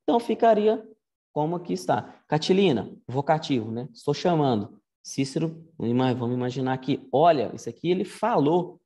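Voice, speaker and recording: A Latin teacher with an expressive, mellow voice on the high side gives a casual online lesson at normal speed. He explains conversationally and step by step, often checking in with "né?"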